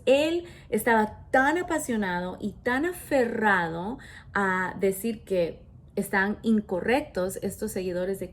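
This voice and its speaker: A woman pastor giving an emphatic sermon, reading scripture aloud and often correcting herself mid-phrase. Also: mid-range voice. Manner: slow, emphatic preaching with self-corrections.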